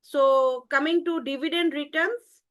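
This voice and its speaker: A woman teaching an online class, explaining patiently with many hesitant pauses over a call headset. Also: high-pitched, steady tone, a bit bright. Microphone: earphone mic on a video call.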